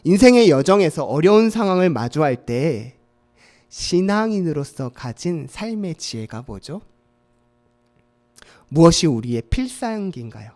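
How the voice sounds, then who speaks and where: A male pastor preaching a sermon, acting out quoted voices and swinging from hushed tones to loud cries. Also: fairly high pitch, big pitch swings, measured pace. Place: church sanctuary.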